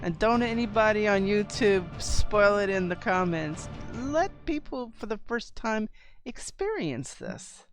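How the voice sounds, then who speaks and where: A woman's voice: medium pitch, animated, a little slow. A woman hosting a let's play, giving casual, rambling gameplay commentary. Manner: rambling, chatty. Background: game music.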